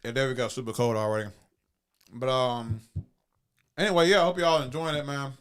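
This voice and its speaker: A man's voice: mid-range voice, steady tone, fairly quick, clear, resonant tone. A man hosting a casual livestream podcast, rambling with many fillers and restarts. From Chicago. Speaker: podcast host.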